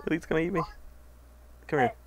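A woman's voice: sits low, fast, a little hiss or hum. A woman streaming an online game with a friend, laughing a lot and swearing freely in casual chat. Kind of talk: casual chat while gaming.

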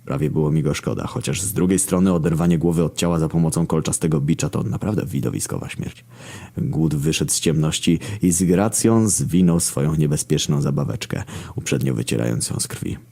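A man narrating a first-person story in a deadpan, heavily profane manner. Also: extremely low pitch, brisk, creaky, breathy edge.

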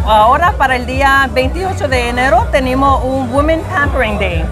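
A woman's voice: sits high, animated, normal speed. A woman in her thirties giving casual interview answers, mixing English words into her Spanish. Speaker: motorcycle club member, interview guest. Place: large indoor hall with a gathering. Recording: music and crowd chatter behind.

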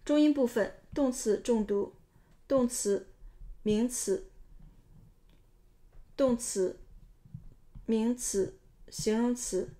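A woman's voice: fairly high pitch, extremely slow, long pauses, dark tone. Methodical woman pronunciation instructor. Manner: methodical, explains step by step. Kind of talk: explanatory lesson narration.

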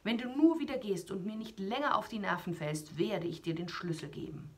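Woman doing a slow, booming, mocking giant. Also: animated, lightly acted. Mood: pleading. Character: boastful mocking male giant.

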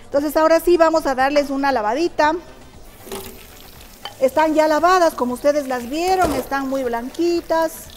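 A middle-aged woman with a bright, high voice teaches a cooking segment in a TV studio kitchen. She chats to viewers and walks through each technique step by step. Soft music plays faintly behind her. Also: normal speed. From Ecuador. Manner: chatty, explains technique step by step, addresses viewers directly. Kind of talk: cooking show demonstration.

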